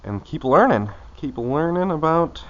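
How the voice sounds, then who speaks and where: A slightly high-voiced man works on his own car for his vlog, casually narrating the hands-on job in loose, muttered bits. His intonation is lively and his pace unhurried, and the lo-fi audio carries background noise.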